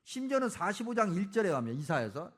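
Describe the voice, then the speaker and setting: Animated, high-voiced preacher. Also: male voice, fast. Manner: animated, dramatizing Bible speeches. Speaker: pastor. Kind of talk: sermon. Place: church.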